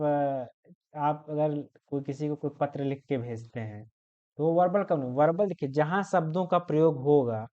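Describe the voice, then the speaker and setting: A man's voice: a little high, warm tone, smooth. Young male teacher, lo-fi class audio. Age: 20s. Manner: explains with spoken examples and checks in with students. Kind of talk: online class lecture.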